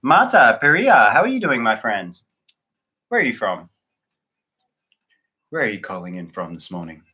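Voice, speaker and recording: An Australian man talks loosely through a live stream, greeting viewers and answering their comments. His voice is bright and forward. He rambles a little, with fillers and restarts. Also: medium pitch, very animated, normal speed. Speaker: livestream host.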